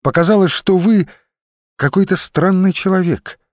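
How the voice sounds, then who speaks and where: A man reading an audiobook, voicing a brisk, bossy young woman who gives firm orders. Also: darkish tone, no echo, clean studio sound, close to an everyday voice. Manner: raised pitch, firm and commanding.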